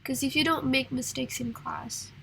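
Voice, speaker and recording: A woman's voice: high voice, steady tone, normal speed, creaky, heavy background noise. A woman teaching an English class over a video call, patient and encouraging, talking with a sore throat. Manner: patient, encouraging, reads exercises aloud.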